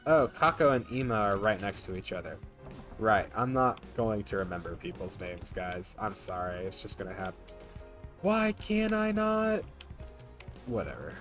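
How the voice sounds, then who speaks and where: A man's voice: low-pitched, a little fast, a bit bright. A man streaming a game, reading its text aloud and commenting casually with joking asides. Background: game music.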